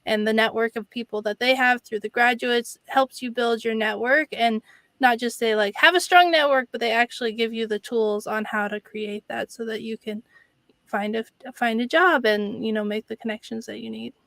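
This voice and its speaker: A woman's voice: fairly high pitch, level tone, normal speed, gravelly, fairly bright tone, dry recording. A woman hosting a casual interview in a chatty, conversational way, peppering her speech with "like". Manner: conversational, frequent "like" as filler. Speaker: interviewer, host.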